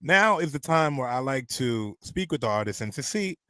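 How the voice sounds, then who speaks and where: A man's voice: mid-range voice, expressive, moderate pace, pushed and bright, dry recording. A man hosting a radio interview, talking straight to his online chat and steering the conversation with an upbeat manner. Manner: addresses the chat audience directly. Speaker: radio host.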